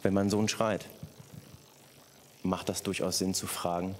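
A man's voice: low voice, level tone, a little slow. A man preaching a sermon, speaking emphatically and addressing the congregation directly with personal stories. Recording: echoey hall with faint noise.

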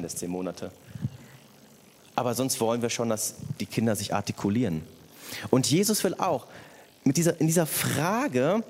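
A man's voice: medium pitch, darkish tone. A man preaching a sermon, speaking emphatically and addressing the congregation directly with personal stories. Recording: echoey hall with faint noise.

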